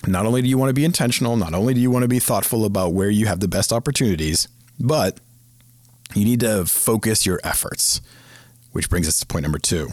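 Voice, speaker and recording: A man hosting a career advice podcast, talking fast in a casual, chatty way. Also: on the low side, darkish tone, no room sound, studio quality. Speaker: podcast host.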